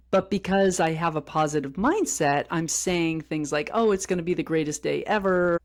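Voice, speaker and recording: A woman's voice: low voice, a little mellow. A middle-aged woman co-hosting a podcast, speaking openly and personally, and often acting out bits of dialogue as she tells her stories. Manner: open, personal storytelling with frequent reenacted dialogue. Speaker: podcast co-host. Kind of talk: candid podcast conversation.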